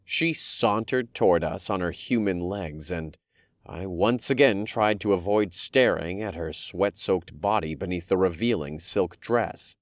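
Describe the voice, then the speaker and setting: A man's voice: deep voice, a little slow, dry recording, studio quality. A man narrating a fantasy audiobook in the first person, with wry storytelling.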